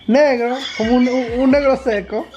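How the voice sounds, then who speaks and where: A man's voice: very high voice, steady tone, brisk, highs cut off. A man in casual conversation. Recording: music over conversation.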